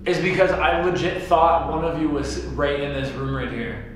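A man's voice: fairly high pitch, fairly even intonation, normal speed. A young man chatting casually as a ghost hunter on a night vlog in an empty building. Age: young adult. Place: abandoned building room at night. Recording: very echoey empty building, clear noise.

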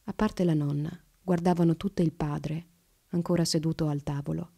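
A woman narrating a short story in an even, measured audiobook reading. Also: sits low, vocal fry, husky. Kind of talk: scripted narration.

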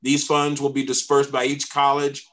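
Male trustee, mid-pitched, steady read-through of a report on a video call. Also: normal speed, poor audio. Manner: reads prepared remarks steadily. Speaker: trustee giving a foundation report. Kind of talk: formal report at an online board meeting. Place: home room on a video call.

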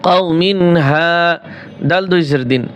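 High-voiced man teaching Quran recitation. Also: slight background noise. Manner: drawn-out melodic recitation between quick explanations; asks questions then answers them himself. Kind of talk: spelling out and reciting Quranic words.

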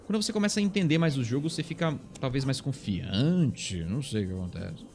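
A man's voice: mid-range voice, lively intonation, a little fast, darkish tone, slight background noise. A young man with a Brazilian Portuguese accent streams a survival game live, talking to himself and thanking viewers in chat. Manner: chatty, talks to himself and thanks chat members. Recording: game music playing behind.

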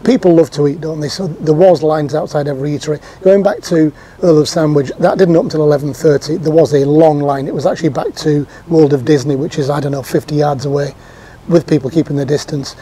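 A man's voice: on the high side, steady tone, quick pace, dark tone, husky. A man in his fifties giving a casual, chatty recap to camera from an outdoor patio sofa, with frequent ums and restarts. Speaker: theme park vlogger.

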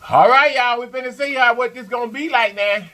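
A woman chats with viewers during a mukbang eating vlog, making lots of mm sounds between bites. She speaks fairly quickly in a fairly high, sharp voice.

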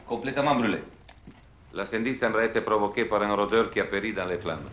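Acteur en expert en assurance sarcastique, voix grave et tranchante, série des années 80. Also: male voice, on the low side, fairly quick, fairly bright tone, slight background noise, lightly acted. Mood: dry. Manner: exasperated, bantering. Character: wry middle-aged male insurance investigator. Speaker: insurance expert. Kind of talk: 1980s TV series acting.

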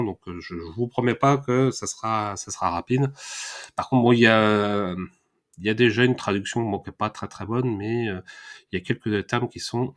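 Hesitant French-speaking man, low voice. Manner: hesitant, many "euh" fillers and restarts. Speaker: WordPress tutorial host. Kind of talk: casual screen-recorded tutorial.

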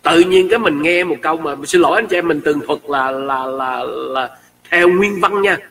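A man telling a personal story in an animated way, acting out heated quotes. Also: on the high side, normal speed, gravelly, far from the mic, rough recording. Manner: excitable, acts out shouting quotes.

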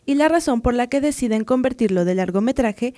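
A woman reporter from Mexico reads a scripted news voice-over with a mellow, rather high tone. Her delivery is measured and formal. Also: expressive.

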